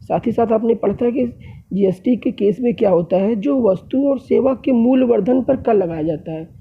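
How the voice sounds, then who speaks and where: In a classroom lecture on economics, a man with a high, gravelly, somewhat husky voice walks through his examples one step at a time. He speaks at a normal speed and keeps calling his viewers friends. The audio is thin and tinny, as if heard over a phone line.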